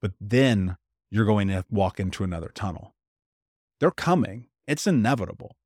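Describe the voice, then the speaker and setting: A man's voice: fairly low pitch, animated, moderate pace, a little mellow, no echo, studio quality. A man in casual podcast conversation, talking candidly and with emphasis, dropping slang like dude and bro.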